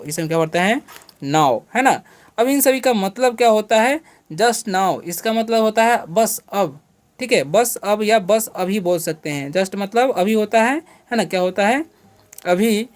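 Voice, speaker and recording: Patient man teaching spelling and pronunciation. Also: sits high. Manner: asks rhetorical questions and then answers them; spells out words letter by letter. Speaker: English teacher, channel host. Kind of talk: spoken English lesson for beginners.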